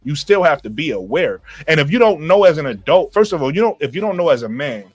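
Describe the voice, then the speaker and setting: A man's voice: a little high, sing-song, quick pace, dry recording. A man from Brooklyn with a New York accent, talking emphatically in a casual group discussion, repeating phrases and calling people bro.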